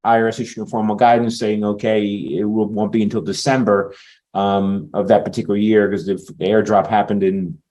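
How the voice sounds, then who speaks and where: A man's voice: on the low side, level tone, brisk, darkish tone. A man on a conference panel answering audience questions, laying out points one by one with frequent fillers. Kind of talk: panel discussion.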